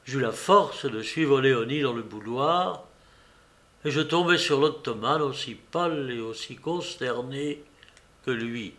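Guy reading a novel aloud, slow and deliberate, bright voice a bit high. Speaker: audiobook reader. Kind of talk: scripted narration.

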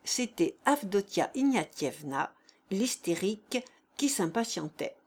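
A woman narrating a story as an audiobook, in an expressive, measured way. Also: medium pitch, husky.

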